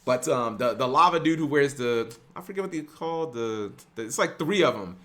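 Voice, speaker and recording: A man's voice: medium pitch, lively intonation, normal speed, a bit bright. A young man streaming, ranting casually to his live chat with lots of restarts and some swearing.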